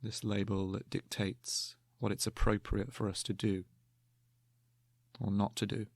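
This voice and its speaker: Speaking low and evenly, with a noticeable creak, a man leads a guided meditation and lets long pauses settle between his carefully placed instructions. His manner is calm and gentle. The sound is close and dry, with no echo and hardly any room around it.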